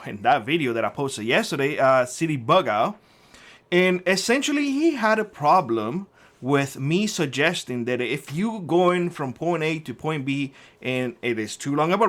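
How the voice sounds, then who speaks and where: A middle-aged Cuban man with a Cuban Spanish accent hosts a prepper vlog, ranting combatively at a commenter and swearing often. His voice is mid-range and a bit bright.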